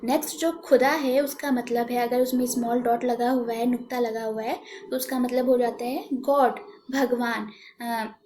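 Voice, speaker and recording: A woman's voice: on the high side, steady tone, moderate pace, darkish tone, slight background noise. A woman teacher giving an online lesson to young children, explaining patiently and mixing English words into her speech.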